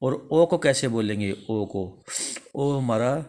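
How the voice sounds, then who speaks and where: A man with an Indian accent teaching the English alphabet in a slow, repetitive lesson, asking a question and then answering it himself. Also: mid-range voice, lively intonation, darkish tone. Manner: slow, repeats each answer after asking it.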